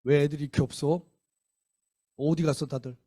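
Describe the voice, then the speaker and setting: A man preaching acts out a bossy high priest who snaps out curt, impatient questions. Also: fairly even intonation, normal speed, mellow, natural voice.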